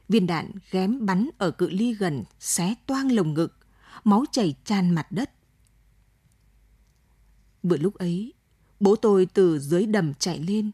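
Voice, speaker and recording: A woman reads a story aloud in a steady, measured way, her tone dark and mellow with a husky grain. The recording is dry and close, with no room sound. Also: medium pitch, no echo. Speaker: audiobook narrator. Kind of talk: scripted story narration.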